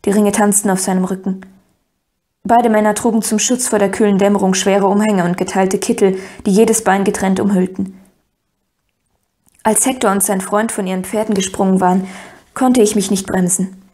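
In a mid-range voice at normal speed, a woman narrates a first-person audiobook with an even storytelling manner.

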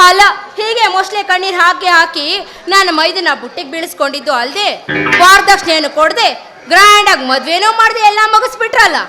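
An actress playing a haughty, mocking elder sister-in-law in a stage play. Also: female voice, extremely high pitch, brisk. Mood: scornful. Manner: mocking, sharp-tongued. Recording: live stage with loud music.

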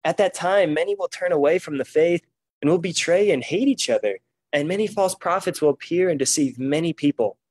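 A young man preaching and reading scripture from a lectern, with an emphatic, deliberate public delivery. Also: fairly high pitch, lively intonation, a little mellow, slightly rough. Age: young adult. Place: meeting room, standing at a lectern.

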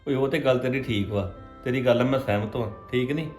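A man's voice: medium pitch, a little fast, darkish tone, reverberant, faint music behind, lightly acted. A man acting a husband caught between his mother and his wife, soothing her and often asking for agreement. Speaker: husband in a family drama. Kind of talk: scripted domestic drama acting.

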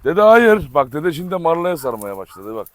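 A man's voice: mid-range voice, lively intonation, fast talker. A man vlogging outdoors in a yard, chatting with viewers and playfully calling and scolding his dogs. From Turkey. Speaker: vlogger, dog owner. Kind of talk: casual vlog talking to dogs and viewers.

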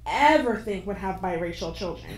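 A young woman on a panel, telling a candid personal story with animated, frank delivery into a handheld mic on a stage. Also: medium pitch, normal speed. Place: stage of a screening room with an audience. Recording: echoey hall from far off, faint noise.

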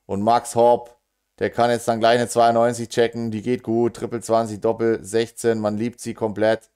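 Excitable German man calling darts. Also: mid-range voice, clean tone. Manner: excitable, joking, groans at missed checkouts; talks fast and casual with quick asides to the audience. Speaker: darts live commentator. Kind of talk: live game commentary.

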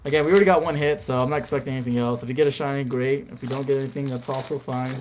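A man's voice: medium pitch, fairly even intonation, racing, darkish tone, slight background noise. A man chatting casually on a live stream, reading out card names and talking to viewers.

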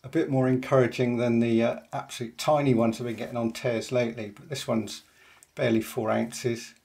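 An older man who runs an angling vlog describes a day of fishing in voice-over, his voice medium-pitched and gravelly. The narration is calm, matter-of-fact and unhurried, broken by frequent pauses.

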